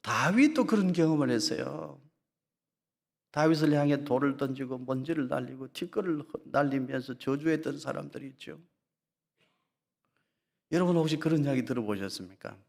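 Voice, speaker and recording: Preaching with drama, a gravelly-voiced pastor lingers slowly over emotional passages, then erupts into loud, high-pitched voices to act out mocking taunts.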